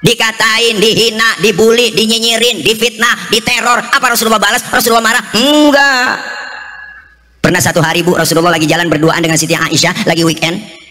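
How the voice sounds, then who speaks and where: A man's voice: high-pitched, fairly even intonation, fast talker, bright, forceful tone, big-room sound. A man preaching a comedic sermon, joking and often calling out to his audience.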